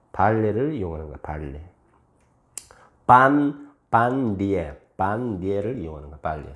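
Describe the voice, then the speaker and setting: Lively low-voiced male math teacher. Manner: lively, asks and answers his own questions, acts out student replies. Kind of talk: classroom lecture.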